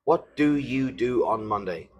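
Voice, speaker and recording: A man's voice: mid-range voice, animated, measured pace, a little mellow, muffled recording. A man acting as examiner in a mock English speaking test, asking simple questions and patiently repeating and rephrasing them. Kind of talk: mock oral exam questions.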